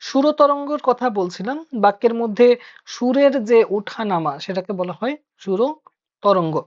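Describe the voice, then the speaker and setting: A woman's voice: a little high, expressive, unhurried. A woman teacher in an online class, explaining step by step and asking her students questions. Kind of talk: online Bengali grammar class. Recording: dull lo-fi online class audio.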